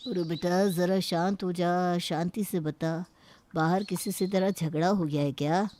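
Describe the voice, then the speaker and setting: A woman's voice: on the low side, steady tone, measured pace, mellow, a little hiss or hum, natural voice. A woman voicing a stern, traditional older father in a cartoon story, lecturing about family honor. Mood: soothing.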